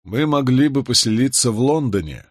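A man's voice: medium pitch, expressive, normal speed, dry recording, studio quality, pitched above the performer's own voice, close to an everyday voice. A man voicing a weary, disgraced middle-aged nobleman, with a heavy, sighing delivery in an audiobook reading. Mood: earnest.

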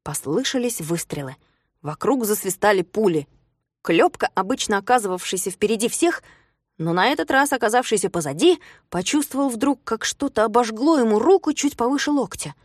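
A woman's voice: fairly high pitch, moderate pace, breathy edge, no room sound, clean studio sound. A woman narrating a children's story aloud, reading expressively and voicing the characters. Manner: expressive, shouts character lines. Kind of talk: storybook reading with acted dialogue.

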